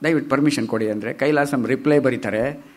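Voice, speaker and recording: A man giving a lively storytelling lecture on poetry and humor in a lecture hall, asking the audience questions. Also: mid-range voice, fast. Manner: chatty and animated, asks the audience questions. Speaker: speaker at a literary talk.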